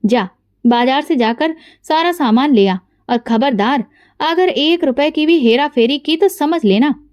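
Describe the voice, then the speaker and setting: A harsh, bossy aunt barking threats, as a woman narrator voices her. Her voice is high and bright, with a close, dry sound, for a storybook tale. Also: expressive, unhurried, dry recording. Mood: threatening.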